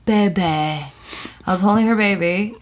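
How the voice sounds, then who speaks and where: A young woman with a mid-pitched voice talks as a podcast co-host. She tells stories casually and expressively, in loose everyday speech. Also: a little slow. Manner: informal, expressive storytelling with swearing. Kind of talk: casual podcast chat and storytelling.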